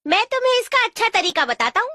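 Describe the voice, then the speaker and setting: A woman's voice: very high-pitched, big pitch swings, fast, pushed and bright, no echo, studio quality, exaggerated voice. A clever young inventor boy. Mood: explaining. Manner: confident, explaining. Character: clever inventor boy Kiteretsu, calm and knowing. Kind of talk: Hindi cartoon dub.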